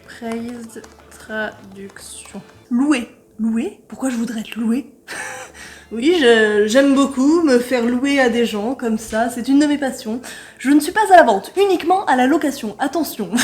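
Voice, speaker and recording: A playful woman vlogger with a high voice talks her way through an online quiz, cracking jokes and laughing often. She reads English words aloud with a loose, approximate accent in a light, casual tone. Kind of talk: casual commentary while taking an online quiz.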